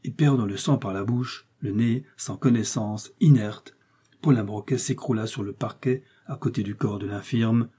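A man's voice: fairly low pitch, normal speed, warm tone, slightly rough. A man narrating a novel as an audiobook, reading it dramatically. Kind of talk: scripted narration.

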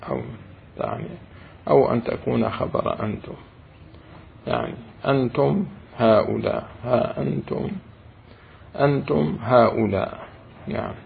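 Gravelly sheikh, teaching, repeats phrases slowly to explain them; tinny phone-like audio. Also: male voice, medium pitch, a little hiss or hum. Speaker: sheikh teaching Quranic exegesis. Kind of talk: explaining a classical text to a student. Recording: tinny, phone-like lesson recording.

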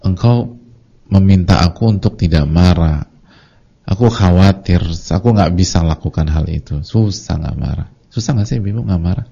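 Male preacher, lively sermon, dark husky tone on a muffled recording. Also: low-pitched, moderate pace. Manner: lively, acts out congregants' voices. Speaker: Islamic preacher. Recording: dull lo-fi audio recording.

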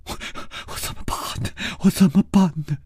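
A man's voice: medium pitch, wildly swooping pitch, a little mellow, breathy edge, heavily acted. A man voicing a distraught young woman who stammers and trembles in a storybook reading. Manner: halting, stammering.

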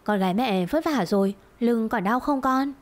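This is a sneering, fawning middle-aged mistress, as a woman storyteller puts her on, spiteful and coy. The voice sits on the high side. It belongs to a spoken storybook drama. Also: moderate pace, lightly acted. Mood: smug.

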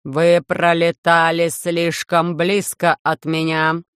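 A reader putting on a booming metallic robot ruler. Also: completely flat delivery, clean tone, no echo, clean studio sound. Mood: cold commanding. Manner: slow, loud, measured commands. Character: loud harsh metallic robot ruler, cold and lordly. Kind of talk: audiobook reading.

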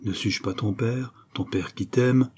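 A man's voice: medium pitch, steady tone, moderate pace, dark tone, breathy edge, close to an everyday voice. A man reading an audiobook, voicing an older aristocratic father, a Spanish duke, who is stern yet fatherly.

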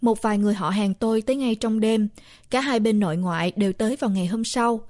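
A woman narrating a first-person story in a steady, somber reading voice. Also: mid-range voice, fast talker, dry recording, clean studio sound.

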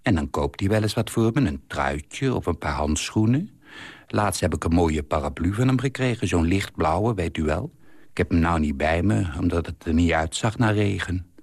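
A chatty, gossipy middle-aged woman, as a man reads her part. Her talk swings widely in pitch over a lowish voice, and the sound is close and dry. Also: normal speed, vocal fry, breathy edge, dry recording, exaggerated voice. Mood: confiding, chatty. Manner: lively, confiding storytelling. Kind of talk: reading a literary column aloud.

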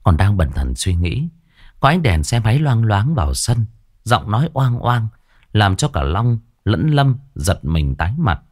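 A man telling a ghost story. His low voice swings widely, rising and falling with the drama of each scene. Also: big pitch swings, measured pace.

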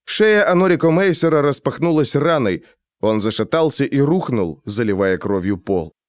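A man reading a fantasy novel aloud with expressive, dramatic narration. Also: mid-range voice, moderate pace, no echo, clean studio sound. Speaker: audiobook narrator. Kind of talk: scripted narration.

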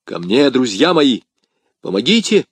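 A man's voice: fairly low pitch, big pitch swings, a little fast, a little mellow, dry recording. A man voicing a passionate young swordsman who cries out in urgent alarm. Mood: frantic. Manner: urgent, crying out. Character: passionate young male swordsman, frantic and desperate.

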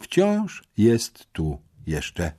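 A man voicing a confident teenage boy detective who calmly reasons things out in a storybook. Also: fairly low pitch, extremely slow, husky, exaggerated voice. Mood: reasoning. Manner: calm, deductive, reassuring.

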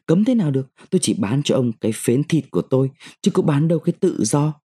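A male narrator voicing a sharp-tongued, defiant mandarin's wife who scolds and taunts her husband. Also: on the high side, sing-song, fast, breathy edge, voice pushed up.

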